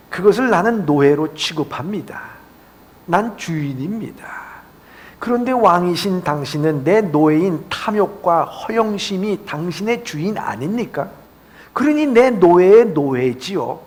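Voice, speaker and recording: A man voicing a serene old hermit monk. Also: high-pitched. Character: calm, wise old male desert hermit monk.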